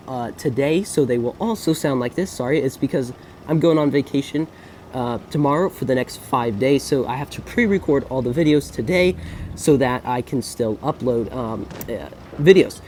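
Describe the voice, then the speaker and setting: Still stuffy from a recent cold, a young man talks through his own gameplay in a loose, rambling way, filling gaps with fillers and correcting himself often. He speaks at a moderate pace in a slightly mellow mid-range voice, with slight background noise.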